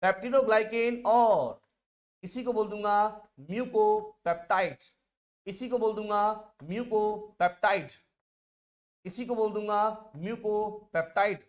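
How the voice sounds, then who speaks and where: A man's voice: sits high, slow pace. A man teaching an online science lesson, drilling terms by asking and answering his own questions over and over. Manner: calls listeners "dear children".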